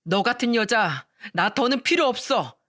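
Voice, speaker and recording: A woman's voice: mid-range voice, a little slow, dry recording. Woman doing angry fed-up husband, stern, dry close sound. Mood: furious. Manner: stern, flat then harsh.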